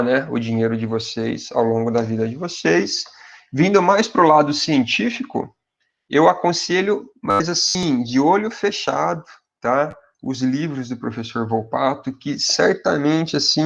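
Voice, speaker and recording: This man is a university professor in his forties with a Brazilian Portuguese accent; his mid-range voice is creaky, and the highs are cut off. Talking conversationally to graduate students, he addresses viewers as "pessoal" and frequently closes sentences with quick checks that they agree.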